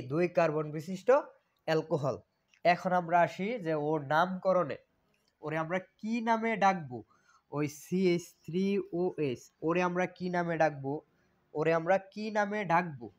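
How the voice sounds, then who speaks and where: A man's voice: a little high, unhurried. A man teaching a chemistry lesson, repeating points and asking questions that he then answers himself. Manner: repetitive, asks and answers own questions. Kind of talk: classroom lecture. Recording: dull lo-fi recording.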